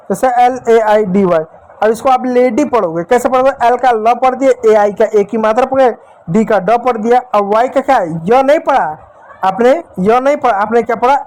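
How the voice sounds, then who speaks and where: A man gives a lesson at the board. His voice sits very high for a man. He keeps asking the class questions, then answers them himself with patient repetition. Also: a little mellow, low-quality recording. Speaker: English teacher.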